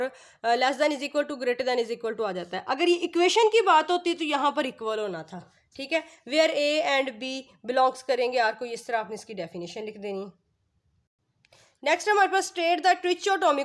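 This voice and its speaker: High-voiced woman teaching maths. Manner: reads English lines slowly, explains in quick asides; asks and answers her own questions. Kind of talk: explaining textbook exercises.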